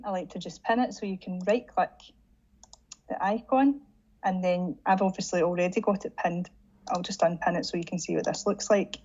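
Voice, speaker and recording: Low-voiced woman giving a chatty software tutorial. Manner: chatty, leans on "again" and "um" as she demonstrates. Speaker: digital learning trainer. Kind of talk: screen-share tutorial for teachers. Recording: dull lo-fi audio with faint hiss.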